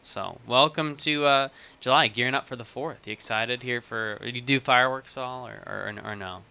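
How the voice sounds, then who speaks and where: Folksy male morning radio host, chatty and joking, bright crisp tone. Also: medium pitch, moderate pace. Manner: folksy, joking, filler-heavy. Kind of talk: casual radio chat.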